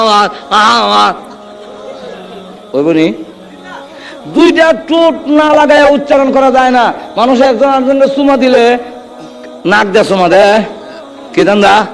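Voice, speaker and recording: A man preaching a Bengali waz sermon in a sing-song way, speaking with a tinge and urging the crowd to answer louder. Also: high voice, vocal fry. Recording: long hall reverb.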